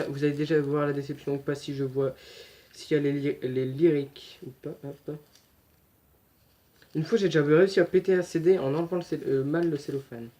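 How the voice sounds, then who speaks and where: A young unboxing vlogger with a warm, fairly high voice talks casually as he unpacks items. He's chatty, corrects himself, and mutters as he handles things.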